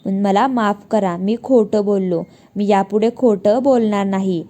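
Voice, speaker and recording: A woman's voice: medium pitch, measured pace, dark tone, natural voice. A woman voicing a mischievous little male rabbit who fibs and taunts the others with laughter in a children's story. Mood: sorry.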